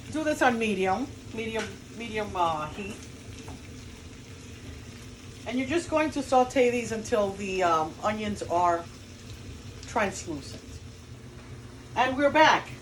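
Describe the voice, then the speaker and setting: A woman's voice: on the high side, animated, slow pace, a little hiss or hum, low-quality recording. A woman with a Cuban accent giving a casual home cooking demonstration in her kitchen. She talks viewers through each step and jokes with the person filming. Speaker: home cook demonstrating a recipe.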